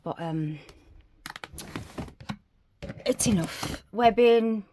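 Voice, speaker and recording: A crafting vlogger gives a casual tour of her small indoor craft room, chatting and rambling as she lists her supplies while slightly out of breath. Her medium-pitched voice is very slow and dark in tone, with slight background noise.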